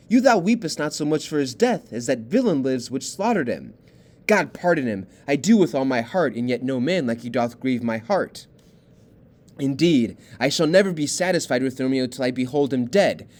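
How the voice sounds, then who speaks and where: A man's voice: medium pitch, animated, normal speed, darkish tone, lightly acted. A man reading as a lovesick young noble girl. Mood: guarded. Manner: plain read-aloud of verse.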